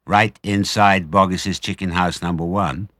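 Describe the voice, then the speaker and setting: A man voicing a confident, crafty father fox in a storybook, brisk, courteous and conspiratorial. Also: sits low, fairly even intonation, sharp tone, dry recording, clean studio sound.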